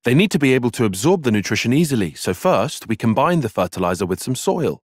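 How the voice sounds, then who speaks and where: In a fantasy video game cutscene, a man voices an earnest young soldier who is serious and analytical, using precise, formal phrasing. His mid-range delivery is very animated and fast. The studio recording is clean with no echo.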